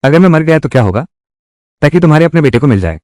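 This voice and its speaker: A man's voice: on the high side, sing-song, quick pace, a little mellow, dry recording, clean studio sound. A man voicing heated, scolding family quarrels in dubbed drama dialogue. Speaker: voice actor dubbing a village family drama.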